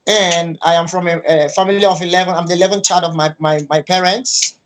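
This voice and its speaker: Man, high voice, halting speech over a dropping video call link. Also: steady tone. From Nigeria. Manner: halting, with many restarts. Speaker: musician and guest.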